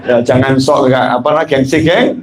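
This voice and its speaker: Male preacher at mid pitch, relaxed storytelling sermon, jokey and conversational, keeps checking in with the crowd. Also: fairly quick, poor audio. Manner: chatty, joking, often laughing, asking the audience questions.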